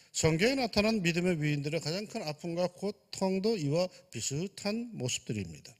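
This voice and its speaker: A man, a pastor, preaching a sermon with dramatic swings between loud exclamations and hushed asides. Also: high-pitched. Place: church sanctuary. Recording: church sanctuary with long reverb.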